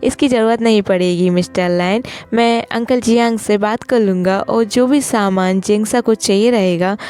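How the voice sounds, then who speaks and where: A woman reading the lines of a gentle, kind young male doctor in a retold drama, speaking in an affectionate, reassuring way. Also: mid-range voice, normal speed, clear, resonant tone, close to an everyday voice.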